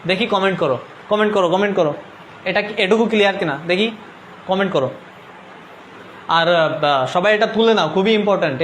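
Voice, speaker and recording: High-voiced young Bangladeshi man teaching. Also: slight background noise. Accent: Bangladeshi Bengali. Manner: casual, repeatedly urges viewers to comment; checks understanding with "ঠিক আছে?". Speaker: online tutor. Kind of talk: live-stream lesson.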